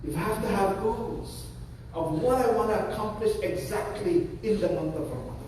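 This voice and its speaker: In a large mosque prayer hall, an imam delivers a Friday sermon in a practical, conversational way, often restarting his sentences. His voice is high and darkish, at a moderate pace, captured from far off in an echoey hall with slight background noise.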